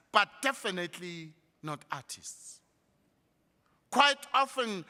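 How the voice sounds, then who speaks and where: A South African man addresses graduates in a slow, deliberate style with a high, bright, cutting tone. His words ring through a large hall with a long reverb tail. He builds to emphatic peaks like a preacher. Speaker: guest speaker at a graduation.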